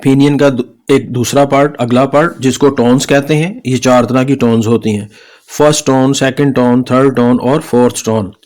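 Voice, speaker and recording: A man's voice: medium pitch, steady tone, normal speed, darkish tone. A man, patiently explaining a language lesson step by step over slides. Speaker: language teacher. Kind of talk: slide-based video lesson.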